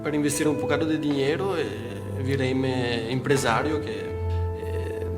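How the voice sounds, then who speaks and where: Italian man speaking Portuguese, calm. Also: mid-range voice, over loud music. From Italy. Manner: measured, hesitant with fillers. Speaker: interviewee. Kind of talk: recorded testimony.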